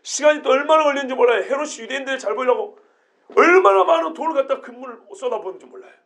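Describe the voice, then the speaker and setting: High pitched pastor guy preaching, really animated, keeps asking the congregation questions. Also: racing. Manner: animated, acting out quotes, rhetorical questions to the congregation. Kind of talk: expository sermon.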